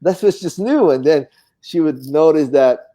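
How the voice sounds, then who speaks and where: Here the Filipino painter's voice sits on the high side, warm and lively in intonation, at a normal speed. A middle-aged fine artist with a Filipino accent, he chats easygoingly as a guest, rambling through memories in a casual interview.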